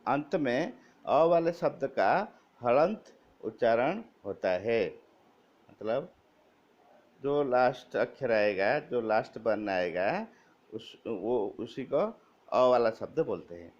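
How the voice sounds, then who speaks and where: A man teaching Hindi vowel signs to schoolchildren, slowly spelling out each sign and reading word lists aloud one word at a time. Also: mid-range voice, lively intonation, a little mellow. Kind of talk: Hindi grammar lesson for children. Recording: dull lo-fi recording.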